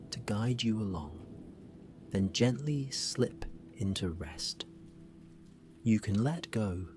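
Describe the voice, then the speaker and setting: A man narrating a bedtime sleep story in a hushed, gentle, unhurried manner. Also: on the low side.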